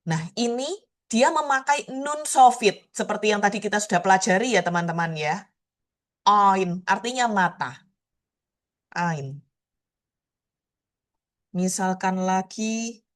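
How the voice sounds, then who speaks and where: A woman's voice: mid-range voice, lively intonation. A woman with a Surabaya Javanese accent teaching an online language class, patiently repeating each word so her students can copy the pronunciation. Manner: slow, patient, repeats words to drill pronunciation.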